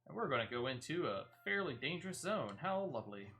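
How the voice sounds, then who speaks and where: Very animated and brisk, with a sharp edge to his medium-pitched voice, this player narrates his gameplay as he goes. He breaks down each action step by step and offers viewers tips in a casual way.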